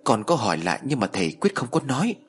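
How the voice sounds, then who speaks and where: A man's voice: mid-range voice, huge pitch swings, quick pace, a little hiss or hum. A man playing a frightened young woman. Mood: anxious. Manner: stammering, pleading.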